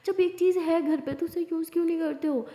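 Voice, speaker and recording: A woman's voice: extremely high pitch, fairly even intonation, a little fast, dark tone, pitched above the performer's own voice. A woman voicing a caring but bossy young female athlete who scolds and dotes on her partner, in a roomy hall. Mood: scolding. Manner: scolding yet doting.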